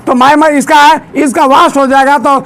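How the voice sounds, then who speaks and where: A male teacher giving a grammar lesson in a classroom, drilling students with repeated questions and asking them to answer loudly. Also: very high-pitched, flat delivery, normal speed. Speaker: English teacher.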